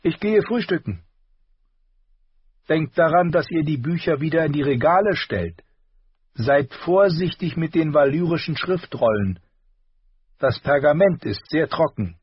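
A man voicing a sardonic, sharp-tongued male noble in a storybook reading, raised high above his own voice, on a dull dry recording. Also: expressive, measured pace, pauses often, breathy edge, no echo. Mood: instructive. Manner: cutting, scolding.

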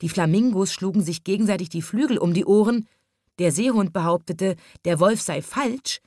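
A woman reading a children's story aloud with an expressive storytelling lilt. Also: lowish voice, no room sound, studio quality.

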